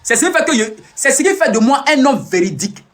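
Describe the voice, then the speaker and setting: Young male live streamer, brags and teases while repeating himself, pitched high and lively. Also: fast talker. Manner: boastful, teasing, repeats phrases over and over. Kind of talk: casual boastful live-stream talk.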